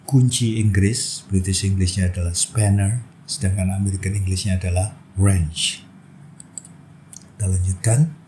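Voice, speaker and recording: A man teaching a vocabulary lesson, reading out word pairs one after another in a slow, steady, patient way. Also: low voice, slight background noise, poor audio. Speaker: English teacher.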